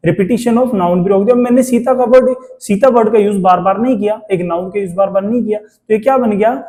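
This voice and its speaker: A man teaching an English grammar lecture in Hindi, asking the class rhetorical questions and reading English phrases out slowly. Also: sits high, mellow.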